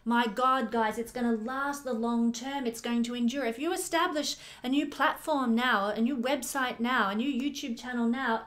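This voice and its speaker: A woman astrologer talks through a forecast in a loose, chatty way. Her voice sits a little high, and she laughs often and stops to correct herself. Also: fairly bright tone.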